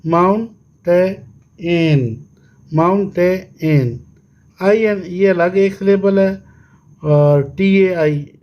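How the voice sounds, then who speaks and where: Pakistani guy teaching kids english, talks real slow, splits words into syllables and answers his own questions. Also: high voice, warm tone, highs cut off. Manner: slow, repeats words syllable by syllable and asks then answers himself. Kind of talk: classroom lesson explanation.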